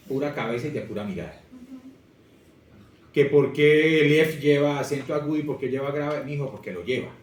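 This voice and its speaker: A man, a language teacher giving a lively, expressive lecture straight to his students. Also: a little high. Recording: echoey room, voice from far off.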